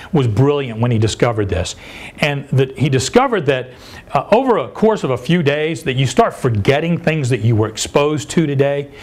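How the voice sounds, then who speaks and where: An older man, a sales consultant, giving a seminar talk and putting questions to his audience. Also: mid-range voice. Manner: animated, addresses audience with questions.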